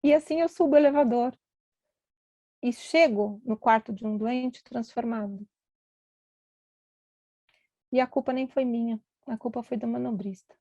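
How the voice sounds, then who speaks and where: A woman's voice: fairly high pitch, a little slow, long pauses, warm tone, no echo. A middle-aged woman, a physician, giving a conversational storytelling talk at an event and acting out the voices of the people in her stories.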